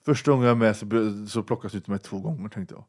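A man from western Sweden telling a story in a casual interview, blunt and swearing freely, acting out the voices he quotes. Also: on the low side. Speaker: interview guest.

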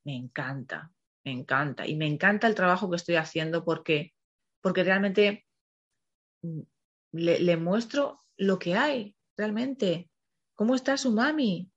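A woman with a Spain Spanish accent hosts a parenting program, speaking somewhat slowly in a low voice with a breathy edge. Her casual monologue is chatty and rambling, with sentences often ending in a questioning "no?". The recording sounds slightly muffled.

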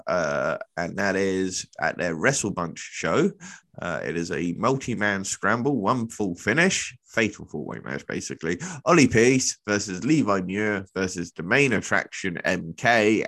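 An English man co-hosting a podcast, reading event cards with quick joking asides in a casual news roundup. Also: deep voice, fairly bright tone. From England. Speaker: podcast co-host.

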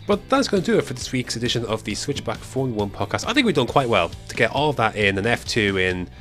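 A man's voice: medium pitch, fast, soft background music. A young man co-hosting a motorsport podcast in casual, opinionated chat. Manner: animated, opinionated, swings between excited and dry asides. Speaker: podcast co-host.

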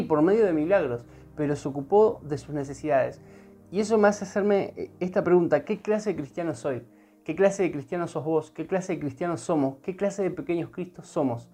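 A woman's voice: deep voice, mellow. A woman with an Argentine accent giving an earnest devotional sermon, repeating her phrases and often checking in with her listeners. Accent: Argentine Spanish. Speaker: preacher.

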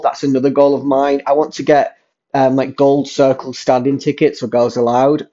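A young British man with a cold, hoarse with a rough smoker's rasp, giving a chatty, rambling solo update and repeating words for emphasis. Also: mid-range voice, warm tone. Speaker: podcast host and YouTuber. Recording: dull lo-fi sound.

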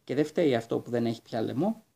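A man's voice: medium pitch, animated, vocal fry, warm tone, husky. A man voicing a bold, cheerful young girl in a storybook reading, cheeky and boastful. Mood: playful.

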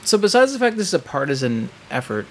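A man's voice: on the high side, very animated, fast talker, slight background noise. A middle-aged man co-hosting a casual podcast, ranting with lots of swearing and sarcasm. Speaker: podcast co-host. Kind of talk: casual political chat.

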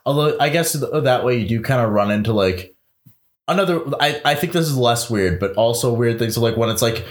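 A man's voice: medium pitch, expressive, a little fast. A man reviewing a movie in casual chat, rambling with many fillers, swearing and laughing often.

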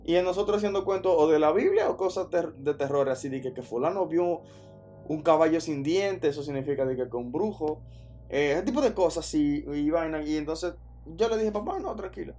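Dominican guy with a slightly high voice, chatty and slangy, telling a spooky family story, keeps restarting his sentences. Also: fairly quick, soft background music. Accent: Dominican Spanish. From Dominican Republic. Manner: animated and slangy, with frequent restarts. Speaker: podcast storyteller. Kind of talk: casual first-person storytelling.

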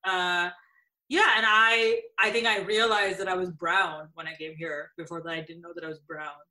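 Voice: mid-range voice, level tone, normal speed, sharp tone, poor audio. A host from India, chatting casually, hesitant with frequent restarts. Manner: hesitant, many restarts and fillers, laughs easily. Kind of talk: casual conversation.

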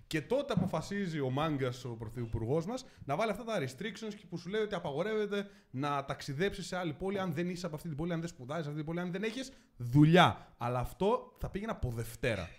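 Animated young man telling a story. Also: a little high. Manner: animated, acts out dialogue in the story. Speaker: podcast host. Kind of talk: casual storytelling chat.

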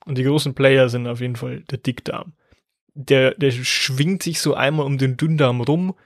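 A man's voice: medium pitch, fairly even intonation, moderate pace, no room sound, clean studio sound. A man co-hosting a comedic podcast, rambling and joking in casual chat. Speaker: podcast host.

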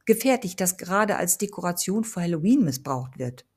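A woman's voice: fairly low pitch, big pitch swings, moderate pace, a little mellow, breathy edge. A woman voicing a cautious, level-headed young man in an earnest tone. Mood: surprised.

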